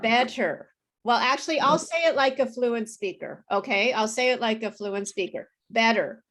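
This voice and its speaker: Brief: woman pronunciation teacher, friendly, slightly high voice, frequent check-ins. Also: fairly bright tone. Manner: friendly, explains slowly and checks understanding with okay. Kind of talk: live online group class.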